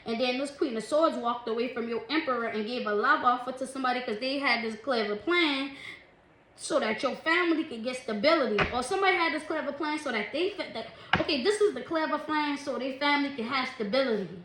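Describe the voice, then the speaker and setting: A woman doing a casual tarot reading, chatty and quick to laugh, who calls her listeners "collective" and "baby". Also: high-pitched. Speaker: tarot reader. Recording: echoey room, faint noise.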